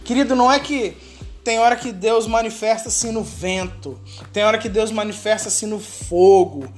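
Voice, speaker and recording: Emphatic woman preacher. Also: mid-range voice. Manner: emphatic, slowing to soft, hushed stretches. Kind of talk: sermon.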